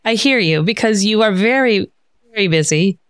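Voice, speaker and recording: Woman host; effusive, warm-hearted interviewer; dry close mic. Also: medium pitch, animated, normal speed, clean tone, no room sound. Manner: effusive, enthusiastic praise. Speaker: podcast host. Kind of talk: casual interview talk.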